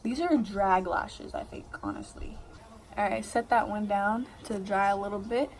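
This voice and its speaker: A young adult woman, a makeup vlogger, rambles through a casual makeup tutorial in a loose, slangy, drunk way, her voice medium in pitch and moderate in pace. She's indoors in the living room at home, and the home recording is noisy.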